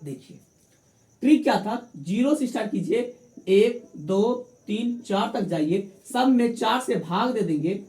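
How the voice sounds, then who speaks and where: A woman's voice: medium pitch, a little mellow, roomy sound. A woman teaching math to viewers she calls friends, repeating each step and asking and answering her own questions. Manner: addresses viewers as friends, coaxing. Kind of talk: classroom-style tutorial to camera.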